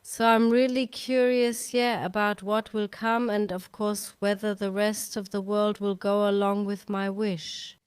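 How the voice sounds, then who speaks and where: A woman's voice: mid-range voice, level tone, measured pace, few pauses, clear, resonant tone, dry recording. A woman in her fifties, a guest in a conversational interview, talking reflectively with frequent ums and restarts. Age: 50s.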